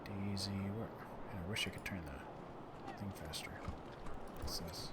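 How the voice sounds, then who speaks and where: Low-voiced man casually narrating his gameplay. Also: a little slow. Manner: muttering, thinking aloud. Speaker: gamer commentating a playthrough. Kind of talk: casual gameplay commentary, reading text aloud. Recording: voice over noisy game audio. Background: game sound and ambience.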